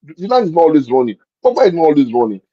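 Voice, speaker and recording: A man's voice: fairly high pitch, big pitch swings, very fast, dry recording, muffled recording. A man talking football in a casual match-review chat. He makes his points with force, repeats them, and explains with examples. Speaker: football pundit.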